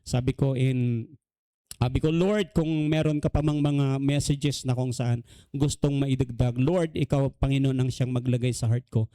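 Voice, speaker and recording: A man's voice: mid-range voice, steady tone, normal speed, dark tone. A man with a Filipino accent preaching as a pastor, telling a personal testimony, often saying hallelujah and laughing lightly. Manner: mixes in English, many hallelujahs, laughs lightly. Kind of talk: sermon testimony.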